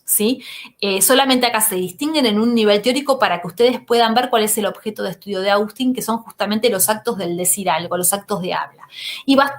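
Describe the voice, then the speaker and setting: A woman teacher giving a recorded lecture, explaining step by step and often checking in with "¿sí?". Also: on the high side.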